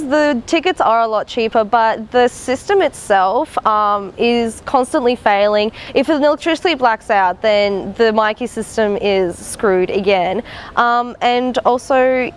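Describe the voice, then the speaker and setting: A woman with a fairly high voice shares her view casually. She is being interviewed as a member of the public. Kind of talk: casual street vox pop.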